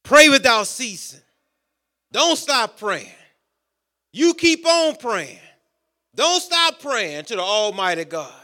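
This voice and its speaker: Preacher, male, high bright voice, rhythmic repetitive delivery. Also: very animated, slow, long pauses. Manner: rhythmic, repetitive preaching with call-outs to the congregation. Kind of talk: sermon.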